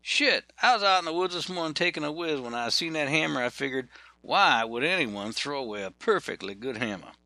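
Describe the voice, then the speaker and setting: Well-meaning georgia carpenter, long drawn-out drawl, pitched up, bright sharp tone, as a man puts him on. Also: animated, dry recording, exaggerated voice. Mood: indignant. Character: slow, well-meaning Southern male carpenter.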